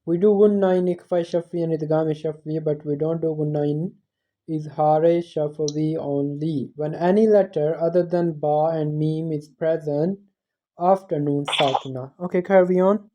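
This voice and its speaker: A woman teaching Quran recitation rules to a student, explaining slowly and correcting mistakes carefully. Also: deep voice, steady tone, warm tone. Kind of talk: patient tajweed lesson.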